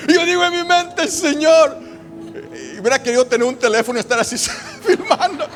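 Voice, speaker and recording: A male pastor with a strikingly high voice delivers an emphatic sermon. He weaves in personal stories and leans on long, deliberate pauses. Soft music plays faintly behind him. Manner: storytelling, emphatic, with drawn-out pauses.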